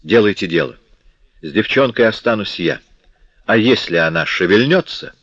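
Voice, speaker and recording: A man's voice: on the low side, animated, moderate pace, a bit bright, no room sound. A man voicing a curt, menacing young thug. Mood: commanding. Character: menacing young male knife-wielding thug. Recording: dull dry lo-fi audiobook recording.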